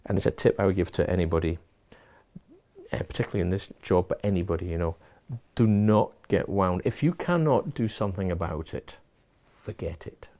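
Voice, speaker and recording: A man's voice: low-pitched, a little fast, mellow. A middle-aged man, a college leader giving thoughtful advice in a casual interview, often restarting and repeating words. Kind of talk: reflective casual conversation.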